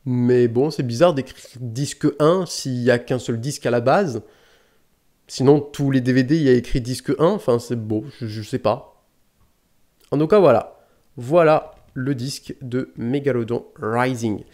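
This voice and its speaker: A man's voice: medium pitch, moderate pace, darkish tone. Chatty, rambling man. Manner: rambling, chatty, swears casually, self-corrects often. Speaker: YouTube DVD collector host. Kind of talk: casual unboxing vlog. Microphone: desk mic close up.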